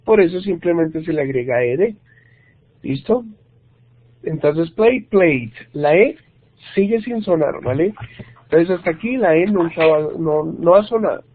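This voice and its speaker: A man's voice: on the high side, lively intonation, measured pace. A man teaching an online English grammar lesson, explaining patiently in Spanish with English examples and often checking in with his students. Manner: patient, checks in with "¿cierto?" and "¿listo?". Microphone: computer mic on video call. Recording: tinny, dry video call audio.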